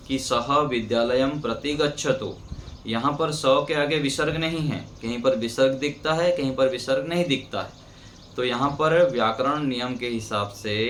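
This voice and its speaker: Slow, patient male Sanskrit teacher. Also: mid-range voice, fairly bright tone. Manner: patient, repeats sentences word by word. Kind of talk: slow classroom grammar lesson. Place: ashram classroom with birds outside. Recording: faint background noise.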